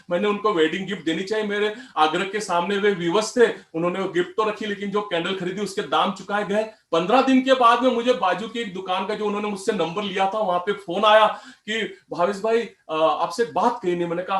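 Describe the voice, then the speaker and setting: A man telling a personal story in an animated way, voicing the customers he quotes. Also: high voice. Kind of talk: storytelling talk. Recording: roomy echo.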